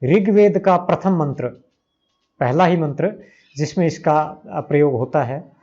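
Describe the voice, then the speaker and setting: Slow, patient Sanskrit teacher, man. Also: fairly high pitch, warm tone. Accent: Hindi. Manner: patient, repeats sounds aloud for learners. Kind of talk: slow spoken grammar lesson. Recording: slightly dull lo-fi recording.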